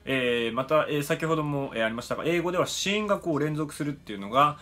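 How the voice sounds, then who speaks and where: A man teaching English pronunciation in a lesson, pausing often on "eh" fillers and slowly demonstrating sounds. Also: fairly high pitch, animated, pushed and bright. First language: Japanese. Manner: frequent "eh" fillers, slow careful demonstrations.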